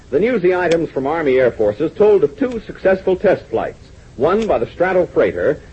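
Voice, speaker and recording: A husky-voiced man narrates and announces an old-time radio adventure serial. He is earnest and rallying, calling his young listeners gang, and his pitch swings widely. The sound is dull and lo-fi, like a 1940s radio broadcast.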